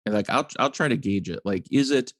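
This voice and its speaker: A man co-hosting a casual podcast conversation, laughing often and acting out quotes in an animated way. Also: fairly low pitch, brisk, no room sound, clean studio sound. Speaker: podcast co-host.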